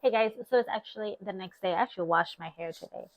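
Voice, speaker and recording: Talking fast in a medium-pitched voice, the stay-at-home mom in her thirties rambles casually to her vlog audience. Her clip-on lapel mic captures no room sound.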